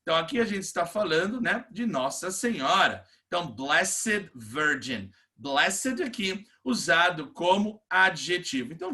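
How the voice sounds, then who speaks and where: Brazilian man teaching English online, lively up-and-down delivery, fairly high voice. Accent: Brazilian Portuguese. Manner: slow, lively teaching delivery, stretches English words and repeats "né?". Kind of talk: recorded online class.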